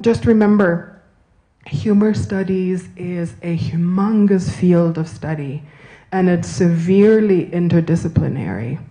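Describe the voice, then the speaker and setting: A woman's voice: lowish voice, warm tone, poor audio. A woman who grew up in Germany and Italy, giving a university lecture and answering questions, talking in a discursive way and often checking in with "right?". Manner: discursive, self-correcting, asks "right?". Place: university auditorium.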